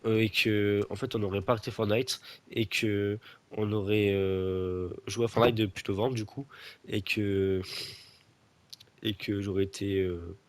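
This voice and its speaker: A young gaming video creator with a stuffy nose from a cold chats casually while playing a video game, teasing his friend and rambling with plenty of fillers and restarts. His voice is lowish, with fairly even intonation and a slightly slow pace.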